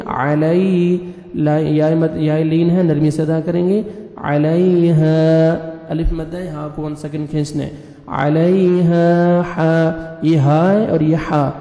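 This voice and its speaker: A man teaching Quran reading. He spells out letters and vowel marks one by one, then recites each word slowly in a drawn-out chant. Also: fairly high pitch, warm tone. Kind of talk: slow spelled-out recitation lesson. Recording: echoey room with long reverb.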